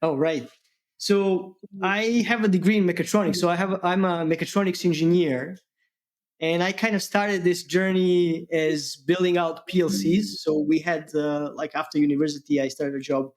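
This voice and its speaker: A man from Serbia, a guest engineer talking shop in a halting way, with many fillers. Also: on the high side, fairly even intonation. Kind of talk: casual tech interview.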